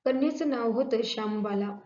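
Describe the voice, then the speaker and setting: A woman telling a devotional story in a measured, expressive way, acting out the dialogue. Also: on the high side. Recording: echoey, dull lo-fi room.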